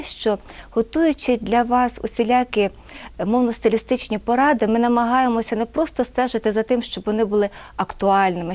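Woman presenter with a higher voice. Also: a little mellow. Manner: conversational, addresses viewers. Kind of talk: presenting a segment.

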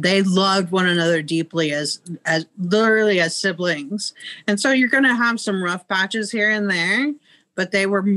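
A middle-aged museum guide speaks over a webcam video call from an indoor exhibit room, her voice on the low side yet bright and sharp. She sounds knowledgeable, though she pauses with frequent ums. The audio is dry, with almost no room sound and no echo.

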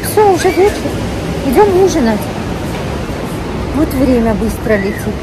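High-voiced woman vlogging in noisy wind. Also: big pitch swings, a little slow, crowd noise. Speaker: family travel vlogger. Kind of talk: casual chatty vlog to followers. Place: outdoors at a seaside resort. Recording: windy outdoor recording with loud ambient noise. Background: wind, people and street noise.

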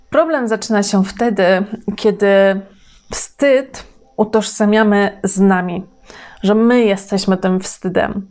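A woman delivering a self-help monologue aimed at women. She speaks in a slow, deliberate way and addresses the listener directly, as a host talking to her audience. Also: medium pitch.

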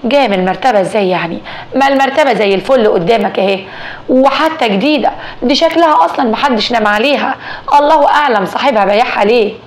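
A woman's voice: a little high, fast talker, close to an everyday voice. A woman voicing an anxious, easily alarmed Egyptian housewife in a told story, speaking in an agitated, exclaiming way. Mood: fretful. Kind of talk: storytelling dialogue.

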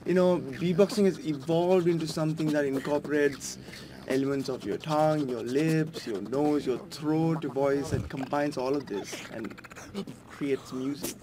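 A man's voice: a little high, moderate pace, background noise. A man in his twenties, a beatboxer, explaining his craft in easygoing talk with frequent fillers and restarts. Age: 20s. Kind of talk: casual interview talk.

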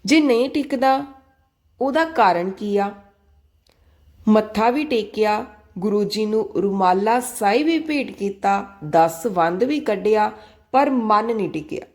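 A woman telling a devotional parable and teaching in a gentle, earnest, measured way. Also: medium pitch, animated. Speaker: religious storyteller.

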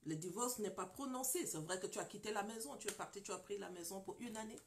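A French-speaking woman who is a pastor and marriage counselor gives an emphatic sermon testimony in broken English, at a medium pitch and quick pace with slight background noise. She tells her story with acted-out quotes and sometimes drops to a whisper.

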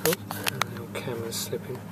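Flat-voiced man, noisy outdoors. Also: medium pitch, normal speed. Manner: thinking aloud with fillers, matter-of-fact. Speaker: refrigeration technician. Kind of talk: casual hands-on narration. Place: outdoors in a yard.

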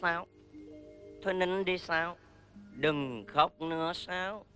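Một phụ nữ đóng vai ông thầy cúng gian xảo, nói năng trơn tru, hay lỡ lời, giọng miền Nam, trong vở hài. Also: female voice, on the low side, slow pace, pushed and bright, faint music behind. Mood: sly, coaxing. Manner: smooth-talking, covering slips, giggling. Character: sly male shaman, slippery and flirtatious. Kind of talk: stage comedy sketch.

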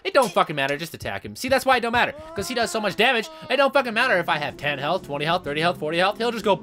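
A young man hosting a let's play, commentating loudly and excitably and swearing often at the game. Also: high-pitched, racing, soft background music. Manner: loud, profane, excitable, yells at the game. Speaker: gaming channel host.

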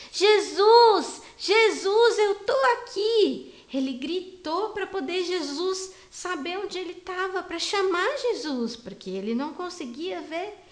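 A woman teaching a Bible lesson to small children, talking gently and simply. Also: high-pitched, echoey room. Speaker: Sunday school teacher.

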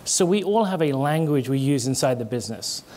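Through a headset microphone, a middle-aged British conference speaker gives a chatty on-stage presentation in a British accent tinged with American. His voice sits mid-range, expressive and a bit mellow, and he moves fairly quickly. He gestures while explaining and sometimes restarts words.

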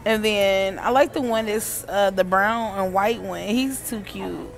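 A woman's voice: medium pitch, unhurried, gravelly. A woman filming a casual vlog in a pet store on a handheld phone, giggling and cooing at the animals while she talks to her viewers. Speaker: vlogger.

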